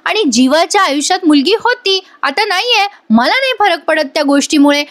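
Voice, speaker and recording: A stern elder sister lays down the law in a firm, scolding tone, as a woman recapping a serial puts her on. Her voice is high and clear. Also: lively intonation, fairly quick, fairly bright tone.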